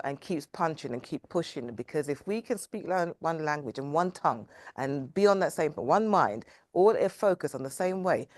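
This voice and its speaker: Woman, panel guest, low voice, halting and reflective. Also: darkish tone, no echo, clean studio sound. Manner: thoughtful, halting with fillers. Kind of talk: reflective faith discussion.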